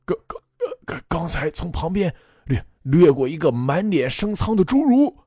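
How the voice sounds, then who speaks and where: A man voicing a terrified old man who stammers in panic, pitched higher than his own voice. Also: sing-song, normal speed, a little mellow, husky, dry recording, clean studio sound. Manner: stuttering, panicked.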